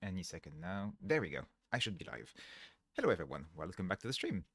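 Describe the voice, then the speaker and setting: A man's voice: deep voice, big pitch swings, fast talker, breathy edge, dry recording, studio quality. A tired man live-streaming his coding work on a headset microphone, thinking aloud step by step and correcting himself mid-sentence as he explains. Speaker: livestreaming programmer. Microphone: livestream headset mic.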